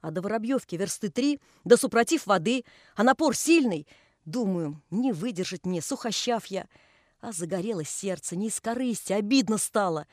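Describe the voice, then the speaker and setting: A woman's voice: mid-range voice, expressive, moderate pace, no room sound, studio quality, close to an everyday voice. A woman voicing a pious old male carpenter who scolds and tells long folksy stories. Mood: reminiscing. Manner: folksy, chiding.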